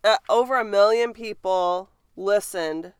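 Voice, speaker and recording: A woman's voice: mid-range voice, unhurried, smooth, no room sound. A woman in her thirties co-hosting a casual podcast, chatty and rambling as she explains things. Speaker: podcast co-host. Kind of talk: casual chat.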